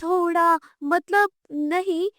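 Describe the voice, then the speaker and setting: A woman's voice: very high voice, fairly even intonation, extremely slow, sharp tone, no room sound, clean studio sound, voice pushed up, heavily acted. A woman doing a curious young boy. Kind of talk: cartoon storytelling.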